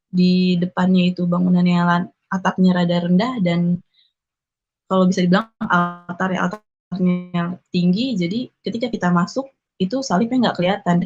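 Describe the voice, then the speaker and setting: Woman, 20s; emotional first-person testimony, breathy tone, dull recording. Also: lowish voice, a little mellow. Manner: earnest, emotional retelling with quoted dialogue. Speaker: convert giving testimony. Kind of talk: personal testimony, casual storytelling.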